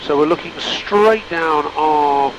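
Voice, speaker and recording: A man working as a flight instructor, giving calm, encouraging instructions over an aircraft intercom headset. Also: a little high, takes it slowly, background noise. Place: small light aircraft cockpit in flight. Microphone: headset boom microphone.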